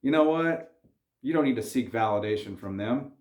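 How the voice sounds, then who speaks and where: With a mid-range, expressive voice at a moderate pace and a darkish tone, this vlogger sounds roomy on the recording. Speaking straight to camera in a casual advice monologue, he's laid-back, slangy and earnest as he cautions people to keep their cool.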